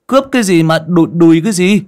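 A man's voice: mid-range voice, wildly swooping pitch, moderate pace, pitched above the performer's own voice. A man voicing a brash, cheeky young village man.

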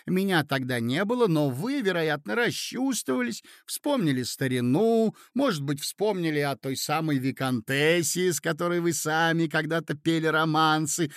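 A man voicing a young gentleman who speaks in a measured, reasoning way, trying to stay calm. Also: on the high side, dry recording, studio quality. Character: young gentleman nephew, nervous but composed.

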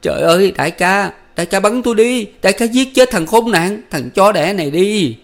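A man's voice: a little high, fairly quick, a bit bright, pitched above the performer's own voice, lightly acted. A man voicing a tense young gunman, speaking in a strained, raised voice. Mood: sobbing plea.

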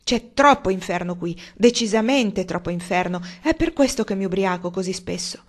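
Woman reading as a booming gruff old man, scornful and blustering, louder than her narration. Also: expressive, normal speed, close to an everyday voice.

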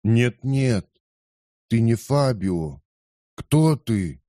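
A man's voice: medium pitch, animated, extremely slow, warm tone, no room sound, studio quality. A man voicing a proud, querulous, very old lord in an audiobook. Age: older.

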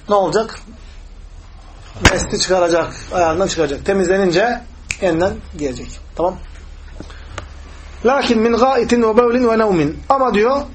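A man's voice: high voice, low-quality recording. A man teaching a hadith lesson, explaining step by step, asking his class questions, and reciting Arabic passages. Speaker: religious teacher.

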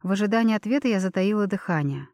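A woman reading a first-person fantasy novel as a steady audiobook narrator, voicing the dialogue with small lifts. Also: medium pitch, fast talker, no echo, studio quality.

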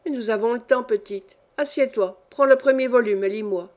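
A woman's voice: on the high side, normal speed, a little mellow, lightly acted. A woman reading a story aloud, voicing an imperious, capricious old countess who scolds and gives orders in a peevish, querulous way.

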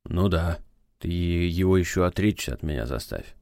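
A man's voice: sits low, animated, moderate pace, warm tone, no echo, clean studio sound. A man voicing a weary, anxious middle-aged man who answers in short, tired phrases.

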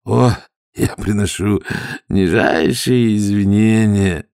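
A man's voice: lowish voice, slow pace, darkish tone, clear, resonant tone, no echo, studio quality. A man voicing a tough, sardonic male watch commander who barks and mocks with feigned politeness. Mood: groggy-polite. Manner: barking, sarcastic.

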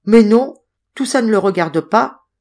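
A woman's voice: medium pitch, expressive, a little slow, darkish tone, voice pushed up. A woman reading an audiobook, voicing a bold, cunning old female servant who talks brashly and emphatically. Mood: insistent.

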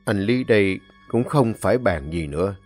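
A man's voice: lowish voice, lively intonation, moderate pace, a little mellow, faint music behind. A man voicing a stern, resolute elderly clan elder who speaks firmly and commandingly in a told story. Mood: grim, determined.

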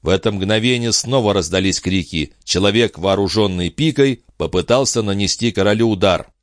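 A man narrating an audiobook in an expressive, steady storytelling manner. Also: lowish voice, moderate pace, dry recording, clean studio sound. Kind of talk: scripted narration.

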